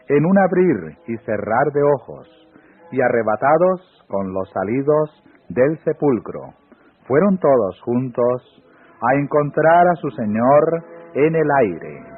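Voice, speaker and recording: A man giving a slow, solemn devotional reading, rising in pitch on the exclamations. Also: husky. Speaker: reader of devotional text. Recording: phone-like audio with faint music.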